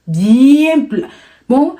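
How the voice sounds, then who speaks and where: A young woman telling a personal story in a casual vlog, animated and emotional, repeating words for effect. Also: sits high, extremely slow.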